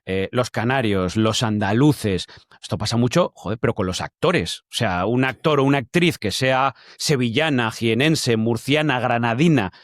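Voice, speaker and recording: A man's voice: mid-range voice, moderate pace, no echo, clean studio sound. An older man hosting a podcast interview, chatty and casual, with mild swearing. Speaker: podcast host.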